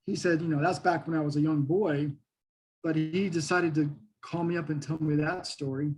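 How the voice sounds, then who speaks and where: A man's voice: on the high side, steady tone, normal speed, darkish tone, breathy edge, rough recording. A middle-aged man, talking casually as an interview guest in a folksy, enthusiastic, emphatic way. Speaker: interview guest, Bigfoot researcher.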